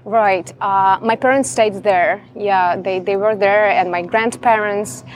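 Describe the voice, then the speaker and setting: A woman's voice: medium pitch, fairly even intonation, measured pace, slight background noise. Young woman telling her story. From Ukraine. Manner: chatty, fills with "like" often. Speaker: guest. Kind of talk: casual interview storytelling.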